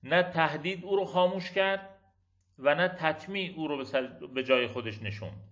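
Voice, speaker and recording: A man's voice: on the high side, fairly bright tone. Male lecturer, rhetorical, repetition-driven delivery, dull lo-fi sound. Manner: rhetorical and emphatic, builds on repeated phrases. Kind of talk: reflective religious lecture. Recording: dull lo-fi recording.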